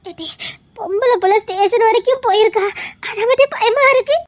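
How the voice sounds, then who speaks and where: A woman playing a shrill, scolding village mother-in-law. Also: normal speed. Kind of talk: family drama acting.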